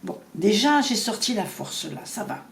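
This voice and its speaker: Woman reading tarot quick n rambly, echoey room, bit of hiss. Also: mid-range voice, big pitch swings, gravelly. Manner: fast, rambling with many restarts. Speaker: tarot reader. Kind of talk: casual tarot reading to camera. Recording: echoey room with faint noise.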